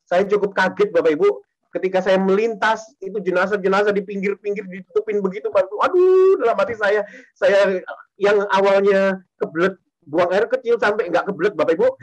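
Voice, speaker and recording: A man's voice: high voice, poor audio. A man giving a testimony sermon to a congregation, repeating his phrases and often turning to address the listeners directly.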